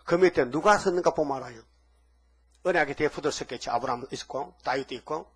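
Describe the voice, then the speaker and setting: Husky man preaching an emphatic sermon. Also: on the high side. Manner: emphatic, with rapid rhetorical questions. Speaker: pastor.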